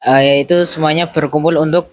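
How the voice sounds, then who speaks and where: Male student from Semarang, slightly high voice, brief plain replies. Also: fairly even intonation, fairly quick. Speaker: interviewed student.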